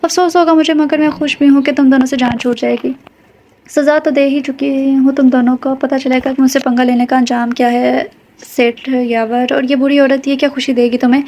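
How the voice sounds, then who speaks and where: Storybook villainess, spiteful and gloating, read by a woman, high and flat, lo-fi. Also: slight background noise. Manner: gloating, taunting. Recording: dull lo-fi audio.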